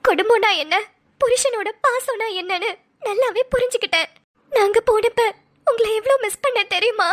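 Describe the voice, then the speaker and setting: A woman's voice: very high voice, quick pace, pushed and bright. A woman voicing a tearful, apologetic young wife in a cartoon, speaking colloquial Tamil Nadu Tamil. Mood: pleading. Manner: pleading, apologetic.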